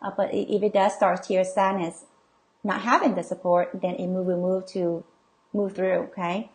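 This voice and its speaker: A middle-aged woman coach talks to her live-stream audience and reads out their comments. Her voice sits at an ordinary middle pitch. She speaks in a reassuring way, full of fillers and checking "okay?" after her points. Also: steady tone, normal speed. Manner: reassuring, many okays and ums, reads comments aloud. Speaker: coach and healer hosting a live session. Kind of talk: live-stream talk reading viewer comments.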